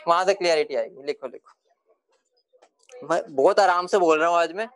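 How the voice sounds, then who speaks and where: A man teaching a chemistry class, casual and repetitive, often telling students to be quiet. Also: on the high side, brisk. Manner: chatty, repeats himself, hushes the class. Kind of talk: classroom lecture.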